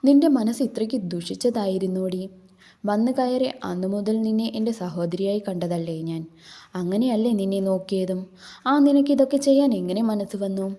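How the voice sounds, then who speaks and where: A woman's voice: fairly low pitch, normal speed, warm tone, lightly acted. A woman voicing an emotional older mother who is fierce toward wrongdoers and tender toward her family. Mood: angry.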